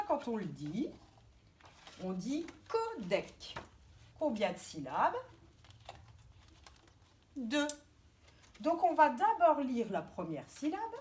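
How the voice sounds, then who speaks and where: A woman teaching young children to read over a camera mic, sounding out each letter slowly and patiently. Her pitch bounces around a lot as she coaxes them along. A faint hiss sits under the recording. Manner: slow, careful sounding out of letters; lively, coaxing teacher's voice. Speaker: preschool teacher. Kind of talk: children's reading lesson by video.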